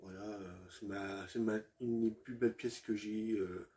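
A man's voice: fairly low pitch, steady tone, measured pace, mellow. A man presenting his video game collection in a casual, hesitant way, with many fillers and restarts, addressing viewers as friends.

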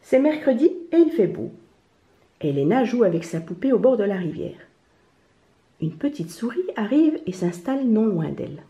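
A woman reading a children's picture book aloud in a gentle storytelling manner. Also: mid-range voice, big pitch swings, normal speed. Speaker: storybook reader. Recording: roomy, slightly dull home recording.

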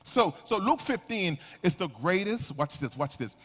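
A man preaching a sermon, calling out to the congregation and swinging between shouts and quiet asides. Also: high voice, sing-song, moderate pace, husky, big-room sound. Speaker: pastor. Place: church sanctuary.

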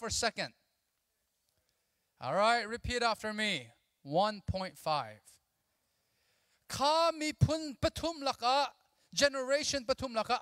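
A man in his thirties preaches to young people on a large church stage. His voice sits very high and sounds bright and sharp. He talks close into a handheld mic, and a long hall reverb trails behind his words. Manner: animated, mixes English with his own language, drills the crowd with call-and-response. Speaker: youth conference speaker. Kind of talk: energetic sermon to a youth audience.

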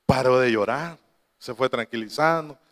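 A man's voice: medium pitch, normal speed, long reverb tail. A man preaching a sermon to his congregation, telling a family story with quoted voices and laughing asides. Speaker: pastor.

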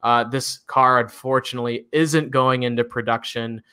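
A man's voice: medium pitch, steady tone, normal speed, pushed and bright, clear, resonant tone. A man with a Midwestern accent co-hosting a car news recap, talking in an enthusiastic, chatty way. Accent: Midwestern American. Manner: chatty, enthusiastic, frequent fillers and laughs. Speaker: co-host of a car news show. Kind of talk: casual news recap chat.

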